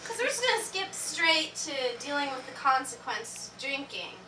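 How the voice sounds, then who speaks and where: At a convention panel, a woman performs a live comedic stage monologue as a giggly, tipsy teenage girl, her high voice sing-song at a normal pace. She's breezy and rambling before a laughing audience. The noisy recording was captured from far off in an echoey room.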